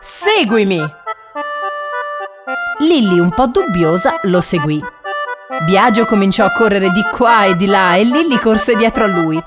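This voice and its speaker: A woman narrating a children's storybook in an expressive, animated way. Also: medium pitch, moderate pace. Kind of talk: storybook reading. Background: background music.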